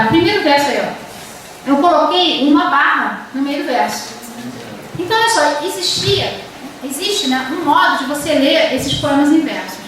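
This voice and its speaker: A woman's voice: very high-pitched, fairly bright tone, distant mic, a little hiss or hum. Brazilian woman lecturing in an echoey classroom. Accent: Brazilian Portuguese. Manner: explanatory, many fillers and restarts, reads verse aloud. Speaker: literature professor. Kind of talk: university lecture.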